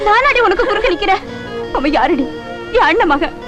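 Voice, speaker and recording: A high, fast voice of a worried middle-aged village mother. She scolds her daughter, then turns placating with guests, with faint film music behind. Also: big pitch swings. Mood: scolding. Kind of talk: 1980s Tamil film drama.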